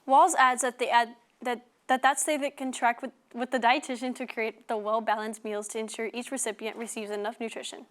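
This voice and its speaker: A woman's voice: a little high, level tone, fairly quick, hardly any pauses. A young woman delivering a scripted news report as a student reporter, stumbling now and then over the copy. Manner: stumbles and repeats words while reading.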